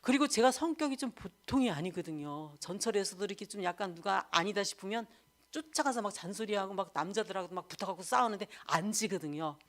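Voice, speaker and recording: A middle-aged woman evangelist preaching a sermon, telling her own story in a candid, animated way. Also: mid-range voice, quick pace.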